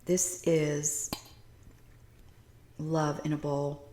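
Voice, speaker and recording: A woman with a low voice chats casually between bites, savoring her food. Her voice carries a roomy kitchen echo, and dishes and cutlery clink behind her. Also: level tone, drawn-out words, noisy background. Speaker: vlogger. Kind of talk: casual chat while eating. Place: home kitchen.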